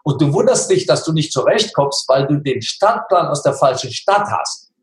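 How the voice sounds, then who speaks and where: A middle-aged man telling his life story as an interview guest, animated and emphatic, full of rhetorical questions. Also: fairly high pitch, normal speed. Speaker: interview guest, coach and actor. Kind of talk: conversational storytelling. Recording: roomy echo.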